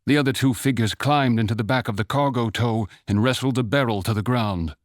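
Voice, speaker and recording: A man narrating a fantasy short story in a measured, even storytelling manner. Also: medium pitch, no echo, clean studio sound, close to an everyday voice. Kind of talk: scripted audiobook narration.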